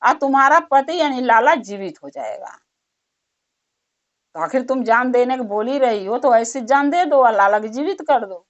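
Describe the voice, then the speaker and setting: A woman playing a calm wandering holy man. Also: a little high, close to an everyday voice. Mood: instructing. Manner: instructing, measured and patient. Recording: dull lo-fi recording.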